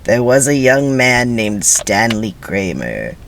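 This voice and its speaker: A man putting on the voice of an elderly, solemn narrator for a dramatic script reading, speaking slowly and ominously. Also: medium pitch, big pitch swings, creaky, fairly bright tone, a little hiss or hum, heavily acted, low-quality recording. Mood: grave.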